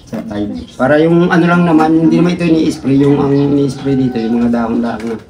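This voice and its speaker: An older man, a father, answering questions outdoors at his home in a halting, soft-spoken way with many fillers. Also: medium pitch, crowd noise, low-quality recording. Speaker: father interviewed on a visit. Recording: outdoor ambience with birds.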